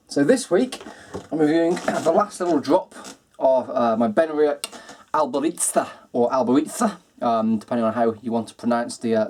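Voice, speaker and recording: Man, mid-pitched, easygoing whisky vlogger, chatty and unhurried. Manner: relaxed and chatty, many ums and kinds of. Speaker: whisky reviewer, host. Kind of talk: casual video review.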